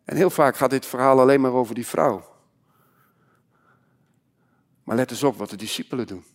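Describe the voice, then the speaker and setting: A man preaching a sermon as pastor, moving between loud exhortation and hushed, quiet passages. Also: medium pitch, fast.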